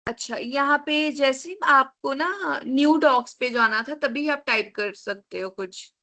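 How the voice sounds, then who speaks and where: A woman teaching an online class over a video call, slowly repeating the key steps for her students. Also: high voice, pushed and bright.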